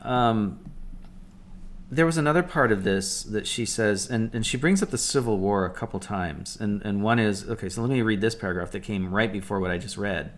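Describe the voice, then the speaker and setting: A man with a low voice co-hosts a casual talk show. He reads passages aloud, then talks them over haltingly, with many fillers and restarts. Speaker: co-host. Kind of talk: casual podcast chat, reading aloud.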